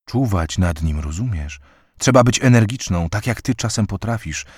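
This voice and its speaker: A man reading the lines of an earnest young man who urges and comforts a woman, in his own husky voice. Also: on the low side, expressive, normal speed, no room sound, studio quality. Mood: urgent. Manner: urgent, pressing.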